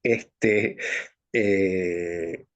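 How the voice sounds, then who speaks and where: A man's voice: low-pitched, steady tone, drawn-out words, muffled recording. A man, a guest analyst presenting political ideas in a loose spoken lecture, full of fillers and restarts. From Peru. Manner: hesitant, many fillers and restarts.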